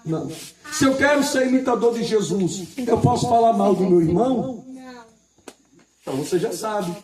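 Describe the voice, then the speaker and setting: Male preacher, high voice, repetitive and emphatic, recorded roomy and from a distance. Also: lively intonation, crowd noise. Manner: repeats phrases, asks the congregation "Amém?"; reads scripture slowly and with emphasis. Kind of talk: sermon.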